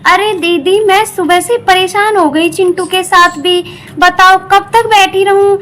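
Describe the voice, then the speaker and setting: A woman's voice: very high voice, steady tone, measured pace, fairly bright tone. Woman voicing a busy doll elder sister. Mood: practical. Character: elder sister-in-law, busy cook, calm. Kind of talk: doll story role-play.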